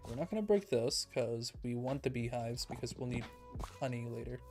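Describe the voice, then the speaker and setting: A man casually commenting on his own gameplay as a streamer, relaxed and self-deprecating, thinking out loud and a little out of breath. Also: medium pitch, moderate pace. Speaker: let's play streamer. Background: background music.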